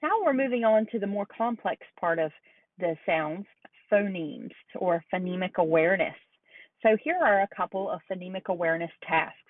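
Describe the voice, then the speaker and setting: Woman, recorded lecture, slow careful modeling of sounds, tinny phone-like audio. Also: lowish voice, dry recording. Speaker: teacher educator.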